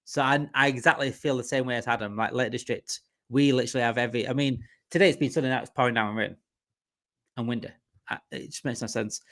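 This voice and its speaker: A man from Yorkshire, England hosts a relaxed live fan stream, talking fast in a steady, medium-pitched, fairly bright voice with a Yorkshire accent. He wanders from point to point, repeats himself, and reads out comments from viewers.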